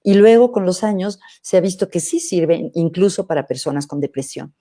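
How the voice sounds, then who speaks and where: A middle-aged woman psychologist, answering questions in a thoughtful, measured way with hesitant restarts. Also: lowish voice, lively intonation, mellow. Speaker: psychologist guest. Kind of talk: live interview answering questions.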